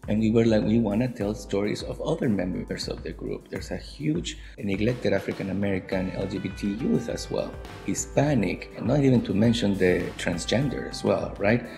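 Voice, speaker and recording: A man in his forties from Ecuador, with an Ecuadorian Spanish accent, talking in a relaxed, reflective way in an interview to camera at home, often restarting his phrases. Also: on the low side, normal speed, creaky, few pauses. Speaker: marketing director. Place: home room by a window. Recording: guitar music underneath.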